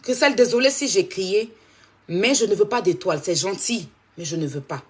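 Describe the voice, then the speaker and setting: A woman's voice: mid-range voice, expressive, moderate pace, breathy edge. A woman hosting a live stream, talking straight to her viewers and repeating her points insistently.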